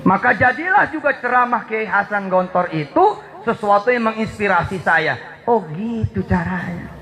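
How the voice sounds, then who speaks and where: A man's voice: high voice, expressive, normal speed, a bit bright, low-quality recording. A man preaching a sermon, teasing the crowd playfully and acting out little dialogues. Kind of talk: Islamic sermon.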